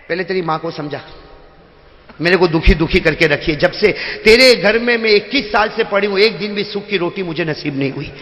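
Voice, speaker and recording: A man's voice: high-pitched, a bit bright, long reverb tail, voice pushed down. A preacher voicing a nagging wife who complains about her mother-in-law, in a grumbling tone. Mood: aggrieved.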